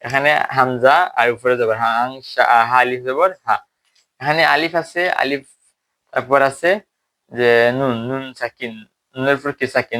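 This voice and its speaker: A man teaching a recitation lesson, explaining rules step by step, checking that students follow, and slowly modeling drawn-out examples. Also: medium pitch, pushed and bright.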